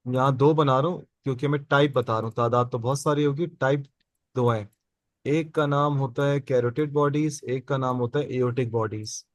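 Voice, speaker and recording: A male biology teacher, speaking at a middle pitch and lecturing to a classroom. He puts questions to the students and then answers them himself, saying each key term twice. The sound is close and dry. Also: steady tone, moderate pace, dry recording.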